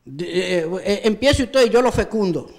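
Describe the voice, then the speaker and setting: A man's voice: high-pitched, animated, normal speed. A man with a Dominican accent, a comic sidekick on a talk show who jokes and plays dumb. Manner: joking, playing dumb.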